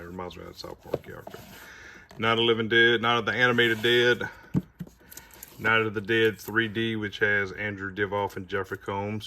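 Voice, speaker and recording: Dude rambling thru his movie shelves, kinda low voice, breathing heavy, bit of hiss in the room. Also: pushed and bright. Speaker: video collector showing his shelves. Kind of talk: casual collection tour.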